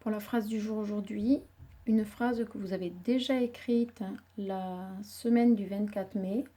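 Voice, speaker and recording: A woman primary school teacher, giving a slow, patient dictation lesson to young children, spelling words syllable by syllable. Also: mid-range voice, fairly even intonation, dark tone.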